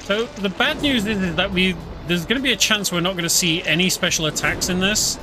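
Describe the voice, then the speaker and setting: Brisk and high-voiced, a British game streamer chats casually over game music, narrating and explaining as he plays and leaning on plenty of fillers.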